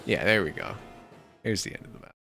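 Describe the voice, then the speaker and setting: A man giving live commentary while streaming a video game, full of wry jokes and quick reactions. His voice sits somewhat low but moves around a lot, and loud game music plays behind him. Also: very animated, vocal fry. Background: game music and sound.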